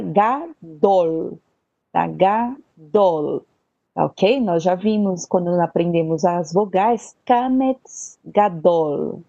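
A woman's voice: lowish voice, mellow, no room sound, muffled recording. A woman teaching Hebrew grammar, patiently repeating syllables and checking in with her class. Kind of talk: slow classroom explanation.

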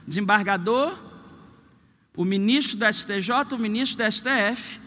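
A man preaching a sermon in a church as pastor, telling humorous stories in an animated way. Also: high-pitched, moderate pace, long reverb tail. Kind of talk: sermon with storytelling.

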